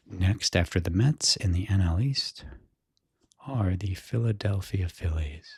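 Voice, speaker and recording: A man with an American accent giving soft-spoken, breathy ASMR sports commentary in a casual, musing way. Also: deep voice, expressive, unhurried, no room sound, clean studio sound. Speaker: host giving a baseball season preview.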